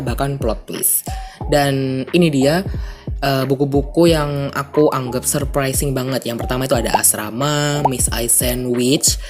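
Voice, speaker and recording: A young Indonesian-accented man vlogs about books, chatting casually to viewers and slipping in English phrases. His medium-pitched, darkish voice sounds congested, like a stuffy nose.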